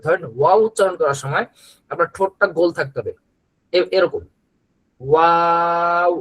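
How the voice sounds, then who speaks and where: A man with a Bangladeshi Bengali accent teaching the Arabic letters as a Quran teacher, patiently repeating each sound in long, drawn-out recitation. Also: a little high, rough recording. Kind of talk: slow letter-by-letter recitation lesson.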